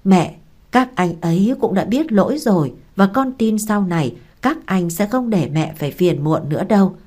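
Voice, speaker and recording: A woman reading the part of a calm, sensible youngest son who reassures his mother. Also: medium pitch, normal speed, close to an everyday voice. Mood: reassuring.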